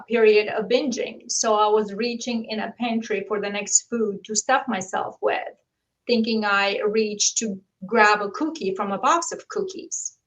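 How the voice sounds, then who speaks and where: A woman's voice: medium pitch, recorded from a distance, rough recording. A woman in her fifties from Bulgaria, telling her personal story earnestly as a talk-show guest over a video call. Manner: earnest, steady and heartfelt. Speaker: guest author.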